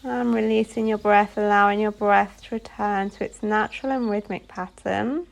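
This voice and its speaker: A gravelly, mid-range female voice with fairly even intonation guides a meditation. As a yoga nidra instructor, she speaks soothing directions in separate phrases broken up by pauses.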